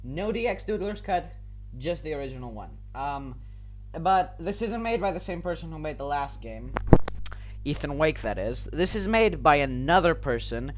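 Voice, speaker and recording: A man's voice: on the high side, lively intonation, moderate pace, slight background noise. A man giving casual, rambling game commentary as a video host, often correcting himself as he goes.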